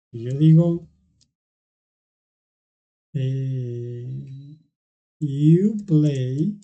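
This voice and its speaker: Teacher going over grammar in an online class, slow and patient, really mellow dark voice, keeps checking in. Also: medium pitch, highs cut off. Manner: patient, step-by-step, checks in often with "¿Listo?". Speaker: English teacher.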